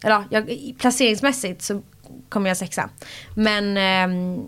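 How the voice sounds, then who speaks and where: A young woman from Borås, a pop singer, talks as a guest on a podcast. She tells animated stories in a mid-pitched voice and slips into the voices of the people she quotes. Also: clear, resonant tone. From Borås, Sweden. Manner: animated storyteller who acts out quoted voices and laughs often. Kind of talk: casual interview chat.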